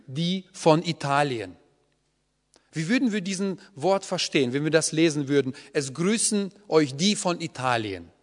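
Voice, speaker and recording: A man's voice: fairly high pitch, lively intonation, normal speed. A man teaching a Bible study to a group, explaining patiently and often checking in with a questioning "ja?". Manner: explanatory, often asks the audience "ja?". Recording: long hall reverb.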